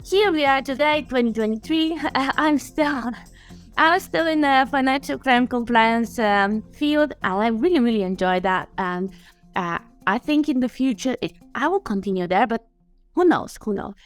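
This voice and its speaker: Chatty woman, fairly high voice. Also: moderate pace, smooth, soft background music. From Bulgaria. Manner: animated and chatty, laughs often. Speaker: guest, sanctions compliance specialist. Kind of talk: interview answers.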